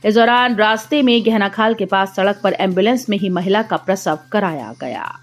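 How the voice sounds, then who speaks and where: A woman reading a scripted regional news bulletin in a steady, formal voice. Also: medium pitch, normal speed. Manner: steady formal headline delivery. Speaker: news reader.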